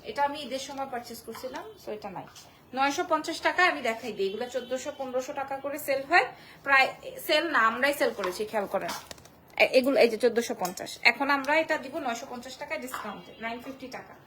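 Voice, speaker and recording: A woman selling clothes on a live stream from a small shop, repeating prices and sizes in a quick sales patter. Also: sits high, lively intonation, a crowd in the background. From Bangladesh. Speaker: online clothing shop seller.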